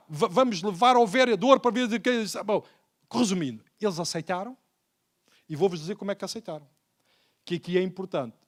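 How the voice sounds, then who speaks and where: A male pastor with a European Portuguese accent delivers a sermon in a high voice. He tells a story, plays each quoted speaker, and keeps calling his listeners brothers. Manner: storytelling preacher, acting out quoted dialogue, often addressing listeners as brothers.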